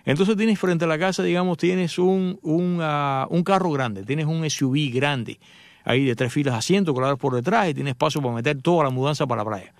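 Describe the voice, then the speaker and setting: A middle-aged man hosts a radio segment about cars, rattling off jokey anecdotes at a brisk clip. His voice sits a touch high and carries a gravelly rasp. The sound is dry and close, with no room around it. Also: no echo. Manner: joking, chatty storyteller addressing listeners. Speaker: radio host and motoring journalist. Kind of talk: casual radio talk with anecdotes.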